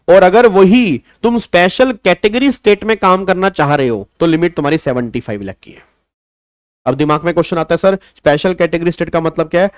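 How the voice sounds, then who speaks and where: Animated guy teaching an exam class, kinda high voice, smooth, jokes around a lot. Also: no echo, clean studio sound. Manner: animated, digressive, mimics baby talk and sings snatches. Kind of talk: lively classroom lecture.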